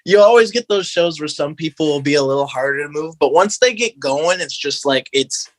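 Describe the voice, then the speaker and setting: A Midwestern American man, a band guitarist appearing as a podcast guest, chats casually and earnestly, with slangy phrasing and lots of "like." His voice is on the high side, expressive and fairly quick, with no room sound.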